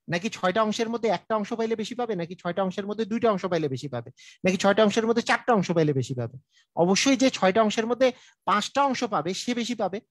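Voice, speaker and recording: High-voiced male math tutor, live class, repetitive drilling delivery, dry close sound. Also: no room sound. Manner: repetitive, drilling explanations with frequent check-ins; colloquial, speaks directly to viewers. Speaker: math teacher. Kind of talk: live online math lesson.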